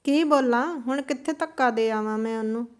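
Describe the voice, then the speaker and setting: A woman's voice: fairly high pitch, moderate pace, clean tone, lightly acted. A woman voicing a stern, impatient father who speaks curtly.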